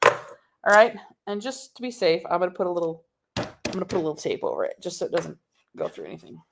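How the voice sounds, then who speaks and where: A woman's voice: fairly low pitch, wildly swooping pitch, fast talker, creaky, noisy background. A woman hosting a live sewing tutorial, chatting casually and answering viewer comments as she works, recorded on a laptop microphone in a home sewing room. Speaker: sewing instructor.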